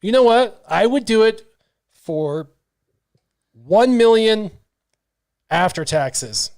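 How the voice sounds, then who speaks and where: A high-pitched, creaky voice moves slowly here, with no echo, belonging to a podcast host in his thirties. He sits in a small brick-walled studio with a headset and studio mic, chatting casually and reading viewer comments in a relaxed manner.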